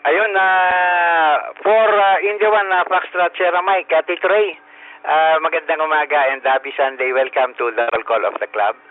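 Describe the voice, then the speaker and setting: An older man with a Filipino accent runs an amateur radio roll call over a two-way radio transmission, halting with frequent "ah" fillers and spelling call signs phonetically. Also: fairly high pitch, steady tone. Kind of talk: radio net roll call in mixed Tagalog and English. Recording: narrow two-way radio band.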